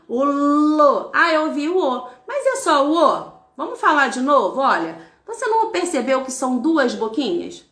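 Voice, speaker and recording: A middle-aged woman with a Brazilian accent, a literacy teacher who patiently explains an activity step by step, sounding syllables out slowly. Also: high voice, a bit bright, reverberant. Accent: Brazilian Portuguese. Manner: patient, explains step by step, frequent tag questions. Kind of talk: instructional demonstration.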